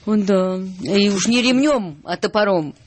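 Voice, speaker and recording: A woman's voice: mid-range voice, animated, unhurried. A woman guest on a radio show, chatting with dry jokes and reading a poem aloud.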